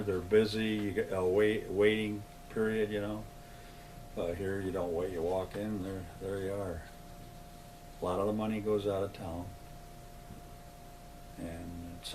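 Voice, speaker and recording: Deep and darkish, this older man's voice comes through a rough recording with a bit of background noise. He is the interviewee in an oral history, a longtime local resident who speaks in a conversational, plain-spoken manner and answers his own questions.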